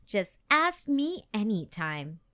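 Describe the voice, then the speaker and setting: A woman's voice: mid-range voice, sing-song, takes it slowly, fairly bright tone. A woman voicing a plucky, bragging little girl in a children's storybook read-aloud, with a bouncy, chirpy delivery. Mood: cheerful.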